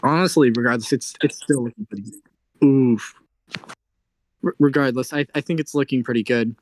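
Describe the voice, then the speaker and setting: A man's voice: mid-range voice, brisk. A man chatting casually as a guest, easygoing and often stumbling over his words. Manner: easygoing, hesitant, stammers and restarts. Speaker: guest commissioning a drawing. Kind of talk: casual chat.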